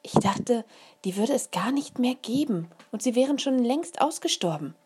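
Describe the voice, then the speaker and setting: A woman voicing a gentle mother who explains things to her small daughter in a lively, patient way. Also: medium pitch, normal speed, background noise, pitched above the performer's own voice, lightly acted. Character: warm, careful mother of a small girl.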